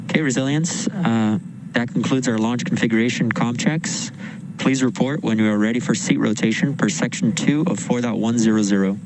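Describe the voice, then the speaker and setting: A man's voice: medium pitch, normal speed. A man at mission control talking on astronaut radio, calling comm checks in clipped procedural phrases. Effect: radio transmission. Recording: noisy radio loop.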